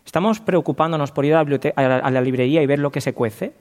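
A man's voice: fairly high pitch, fast talker, darkish tone. A man, a teacher, giving a thoughtful, somewhat hesitant talk to an audience. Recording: reverberant hall.

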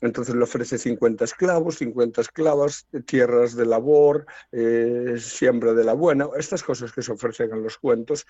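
A man, telling a folk tale in conversation in a wry, unhurried way. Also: medium pitch, mellow, no room sound. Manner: unhurried, wry storytelling with quoted voices. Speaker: storyteller. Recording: dull lo-fi, dry sound.

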